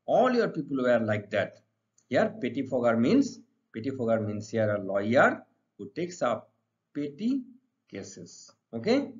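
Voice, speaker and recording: In a dull, lo-fi recording, a middle-aged man with an Indian accent teaches English exam material, reading out each question and stressing the answers through repetition. His medium-pitched voice swings widely in pitch, and he takes his time.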